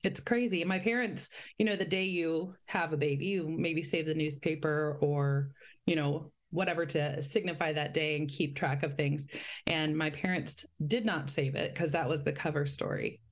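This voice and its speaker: Lower-voiced woman guest, easygoing. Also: fairly even intonation, normal speed. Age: 40s. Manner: friendly, easygoing, some hesitations. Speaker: podcast guest. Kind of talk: casual podcast chat.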